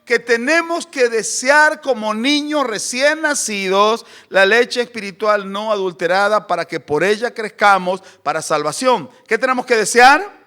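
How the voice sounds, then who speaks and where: A middle-aged man, preaching a sermon and acting out crying and shouting. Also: high-pitched, measured pace, clear, resonant tone. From Argentina. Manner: animated, acts out crying babies and shouts. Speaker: pastor.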